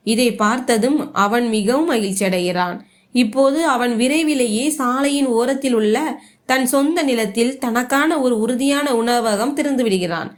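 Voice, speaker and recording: Woman storyteller, steady expressive narration, fairly high pitch.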